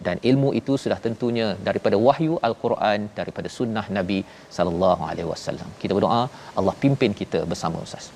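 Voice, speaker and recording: Malaysian guy hosting a quran lesson, lowish voice, explains with emphasis. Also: quick pace, hardly any pauses, darkish tone, a little hiss or hum. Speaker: Quran teacher and host.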